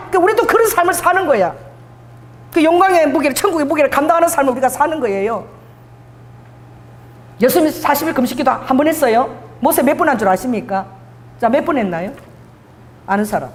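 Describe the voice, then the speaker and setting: A woman pastor preaching a sermon, with animated delivery that questions the congregation and calls for amen. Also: high-pitched. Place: church sanctuary. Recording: long hall reverb in a church.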